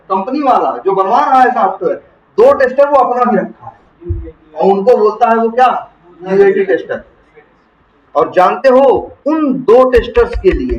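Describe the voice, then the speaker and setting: A man teaching software testing in to a class, asking questions and answering them himself. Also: sits high. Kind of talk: classroom lecture. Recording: roomy, distant, muffled classroom recording.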